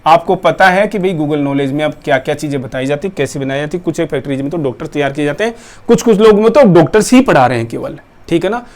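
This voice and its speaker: Male coaching teacher, high-pitched voice, forceful rhetorical lecture to students. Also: quick pace. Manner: forceful, rhetorical, addresses viewers directly. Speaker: nursing exam coaching teacher. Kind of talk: persuasive talk to students.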